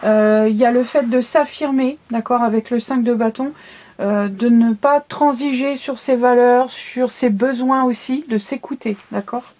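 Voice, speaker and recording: A woman talks with a lisp from her new braces in a fairly high, very mellow voice. She reads tarot cards casually, explaining as she goes and checking that you follow. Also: fairly even intonation, measured pace. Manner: conversational, explanatory, often checks listener follows. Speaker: tarot card reader. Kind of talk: casual monthly tarot reading to viewers.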